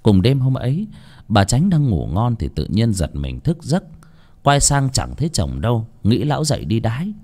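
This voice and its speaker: A man narrating a horror story in an expressive, dramatic way. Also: medium pitch, moderate pace. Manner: expressive, swooping intonation. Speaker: audiobook narrator.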